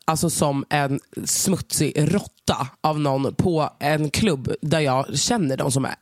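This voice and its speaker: A young woman, telling a story in a casual chat, animated and full of fillers, acting out what others said. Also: low voice, no echo, clean studio sound. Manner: animated, many fillers, acts out quotes. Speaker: podcast co-host.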